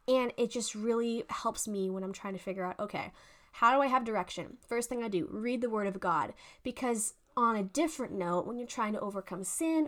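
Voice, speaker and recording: Young woman podcasting about faith, fast and gushy, super excited, close mic. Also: medium pitch. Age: young adult. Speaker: podcast host. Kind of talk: casual faith podcast monologue.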